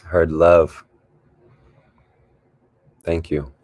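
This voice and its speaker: A man with a very low voice leads a guided discussion, speaking slowly in a calm, reflective way. He lets long pauses and sighs sit between his thoughts. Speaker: host leading a guided discussion. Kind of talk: slow meditative guided talk.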